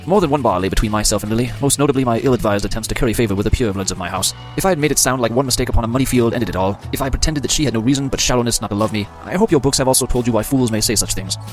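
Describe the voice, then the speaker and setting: A man with a mid-range voice performs an audiobook character: a stern, weary, middle-aged male potions master who speaks formally and with resignation. The mood is grave, the acting light, and he races along with few pauses while faint music plays behind.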